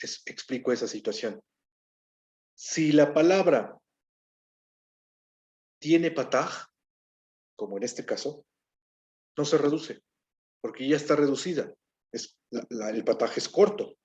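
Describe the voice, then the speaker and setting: A man's voice: medium pitch, darkish tone, lo-fi sound. A man teaching a grammar lesson, explaining step by step and often checking in with his listeners. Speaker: Hebrew teacher.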